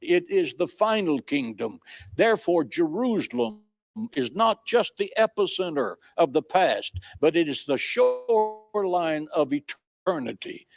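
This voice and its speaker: A man's voice: sits high, big pitch swings, a little slow, creaky, no echo. A man preaching a sermon in a declamatory, sweeping pulpit cadence.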